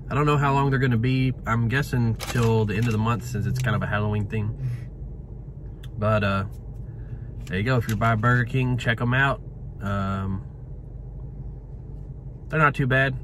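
A man's voice: medium pitch, steady tone, moderate pace, pauses often, a bit bright. A man in his thirties giving a casual food review to camera from inside a car. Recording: in a car with clear vehicle noise.

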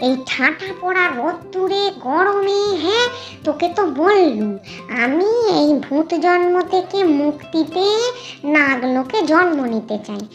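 A woman voicing a sharp-tongued, fed-up female ghost servant in a cartoon story, grumbling and scolding in rustic speech. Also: very high-pitched, lively intonation, a little slow, muffled recording, faint music behind. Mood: complaining.

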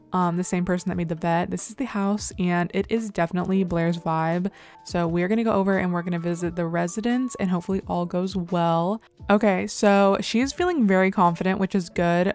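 A young adult woman hosting casual game commentary, chatty and excitable, filling nearly every phrase with "like". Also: lowish voice. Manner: chatty, says "like" constantly, excitable exclamations. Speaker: gameplay host.

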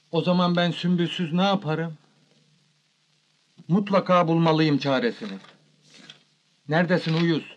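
A man's voice: on the high side, highs cut off, natural voice. A man playing an earnest village doctor in a film comedy, folksy and emphatic in his speech. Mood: musing, worried. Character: earnest, plain-spoken male village doctor.

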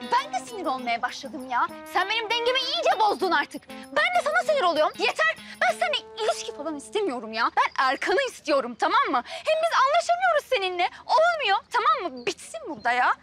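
A woman's voice: high-pitched, big pitch swings, quick pace, few pauses. An actress playing a flighty young woman who gushes and snaps back in a sitcom. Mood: annoyed. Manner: gushing then sharp and dismissive. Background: background music.

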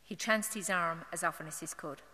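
A middle-aged Irish woman giving a personal testimony as a mother at a parish novena, earnest and halting, with fillers and restarts. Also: fairly low pitch, pushed and bright. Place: church. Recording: long church hall reverb.

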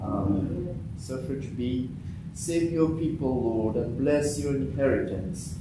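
A man leading morning prayer from a lectern in a small church sanctuary, reading the liturgy in a slow, measured way, picked up by a distant fixed camera. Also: medium pitch. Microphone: far fixed camera. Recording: echoey church from far off with background noise.

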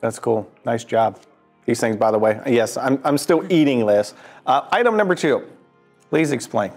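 Male host, 40s; gravelly, upbeat and joking, lapel mic in a restaurant. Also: mid-range voice, lively intonation, normal speed, a little mellow, faint music behind. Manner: upbeat, joking, eats while talking. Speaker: show host. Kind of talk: casual interview. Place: brick-walled restaurant booth, indoors.

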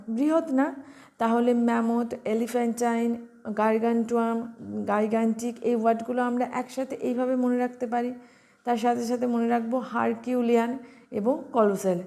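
A woman with a Bengali accent teaching exam vocabulary, asking herself questions and spelling words out slowly letter by letter. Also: on the high side, vocal fry, warm tone. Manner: asks questions and answers them herself. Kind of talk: exam-prep vocabulary lesson.

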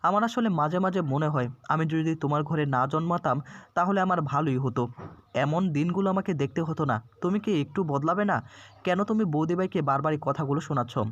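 A man's voice: fairly high pitch, a little fast, no echo, lo-fi sound, close to an everyday voice. A man voicing a reproachful grown daughter. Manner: pleading, reproachful. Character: grown daughter ashamed of her mother.

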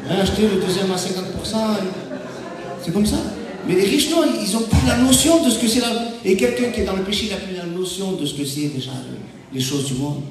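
A man preaching a sermon as pastor, emphatic, swinging between loud calls and hushed asides. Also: high voice, brisk, a crowd in the background. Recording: very echoey, from far off the mic.

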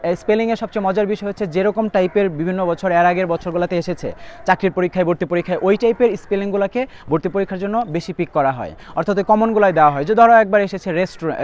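A young man tutoring students for an entrance exam, spelling words out letter by letter. He speaks at a very rapid clip in a fairly high voice. His manner is that of a direct spoken lesson. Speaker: admission test English tutor.

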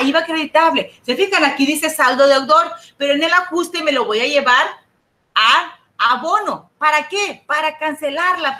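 High bright-voiced lady teaching an accounting class, keeps asking if everyone's following. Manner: asks students frequent check-in questions; repeats key points slowly. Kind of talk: online class lecture.

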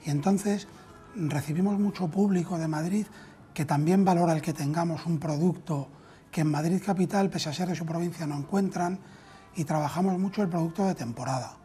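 Speaking a little fast in a mellow, rather high voice, this Castilian Spanish restaurateur in his thirties chats through an interview. His lapel mic picks up music playing clearly behind him in the dining room.

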